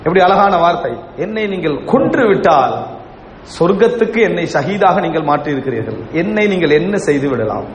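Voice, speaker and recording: A man giving an earnest, emphatic sermon, repeating key points and asking rhetorical questions. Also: very animated. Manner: recites Arabic in a slow, lower chant. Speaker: Islamic preacher. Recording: echoey hall with faint rumble.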